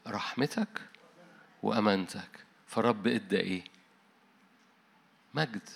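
Preaching emphatically, a man with an Egyptian Arabic accent fills his sermon with rhetorical questions before lowering his voice at the end. His tone is fairly bright yet husky, with vocal fry.

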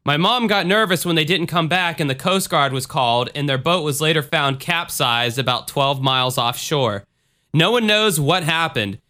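Bright, clear-voiced casual male podcaster. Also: fairly high pitch. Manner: informal, profane, conversational. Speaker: podcast host. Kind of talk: casual podcast talk with reading aloud.

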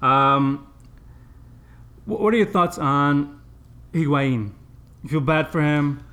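A man's voice: fairly high pitch, takes it slowly, bright, forceful tone, smooth. A man hosting a casual sports podcast, chatty and informal, his speech slightly impeded by new braces. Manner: chatty, informal, addresses listeners directly. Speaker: podcast host.

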